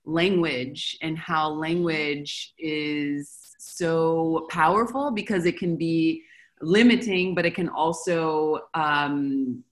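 Low-voiced reflective woman host. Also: slow pace. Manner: reflective, thinks aloud with many fillers. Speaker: interview host. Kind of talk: conversational interview.

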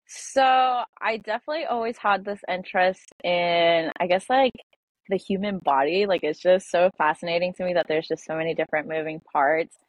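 A woman's voice: lowish voice, normal speed, dry recording, poor audio. A young woman in her twenties, a podcast guest, telling a personal story in a casual way with many fillers.

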